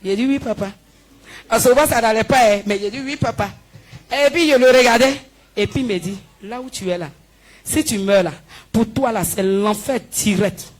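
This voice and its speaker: A woman giving a spoken healing testimony in church, telling her story with lively, acted-out dialogue. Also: on the high side, moderate pace. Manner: animated storytelling, acting out dialogue with the pastor. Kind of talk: spoken testimony before a congregation.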